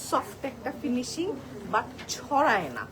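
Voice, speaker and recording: A woman's voice: fairly high pitch, very animated, unhurried, crowd noise. A woman hosting a live-stream sale in a crowded store, showing products and talking to viewers. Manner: chatty, addresses viewers as apu; switches between soft and loud talk. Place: crowded store outlet indoors. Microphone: clip-on mic. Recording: crowded shop, busy background. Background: shoppers chattering.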